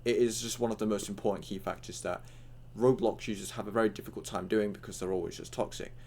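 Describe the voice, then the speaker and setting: A man's voice: lowish voice, fairly even intonation, quick pace, gravelly, a little mellow, a little hiss or hum. A young man with hiccups giving a casual, rambling online tutorial, full of fillers and acted-out chat lines.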